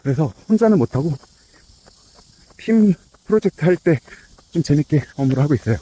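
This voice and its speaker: A man's voice: on the high side, lively intonation, a little fast, warm tone, slightly rough, no echo. A middle-aged man chats casually to his vlog while running outdoors, slightly out of breath. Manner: talking while running, effortful. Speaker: running vlogger. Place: outdoors on a waterside running path.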